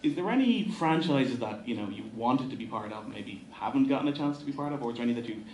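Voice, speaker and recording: A man moderating a convention panel who asks rambling, hesitant questions, his pitch in the middle range. The sound is echoey, with faint hall noise. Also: lively intonation, fast, darkish tone. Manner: hesitant, lots of fillers. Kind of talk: interview questions.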